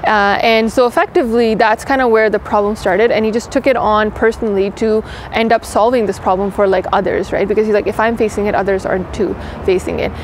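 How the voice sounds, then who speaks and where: A woman's voice: mid-range voice, steady tone. Young woman chatting in an interview outside, says "like" a lot, faint city traffic behind. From Pakistan, raised in Toronto. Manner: quick, chatty, many "like" fillers. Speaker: engineering director, interview guest. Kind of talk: casual interview answers. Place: outdoor garden courtyard in a city.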